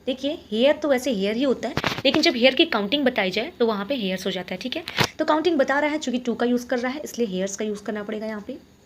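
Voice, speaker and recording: A woman teaching an exam-prep grammar lesson. She reads each sentence slowly, then explains it quickly and checks with "ok?". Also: on the high side, lively intonation, background noise.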